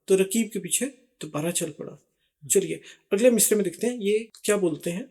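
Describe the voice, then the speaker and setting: A man's voice: high-pitched, a little mellow, breathy edge, soft background music. A man hosting a casual chat, asking questions and summing up each answer. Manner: asks questions, repeats and sums up each answer. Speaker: host. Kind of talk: casual chat, explaining song lyrics.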